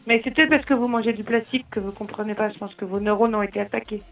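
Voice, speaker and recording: A woman speaks over the phone as a helpline operator. Her mid-pitched voice halts and restarts as she talks, with faint music behind. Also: fairly even intonation, very fast. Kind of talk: phone conversation.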